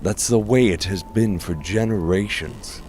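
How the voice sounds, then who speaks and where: An actor playing an arrogant, menacing warrior chieftain in a dark fantasy audiobook, with a hard, sneering delivery. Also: male voice, lowish voice, a little slow, slight background noise, lightly acted. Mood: cold defiance.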